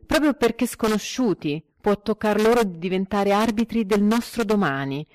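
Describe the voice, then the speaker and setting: A woman reading a literary story aloud in a measured, expressive way, giving the quoted dialogue some life. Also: mid-range voice, dry recording. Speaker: narrator.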